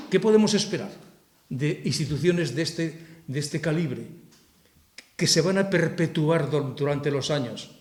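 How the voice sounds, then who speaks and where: A man with a Castilian Spanish accent presenting his book to an audience in a hall, talking in a forthright, sarcastic and impassioned way. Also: on the high side. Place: cultural society hall with audience. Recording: roomy hall echo.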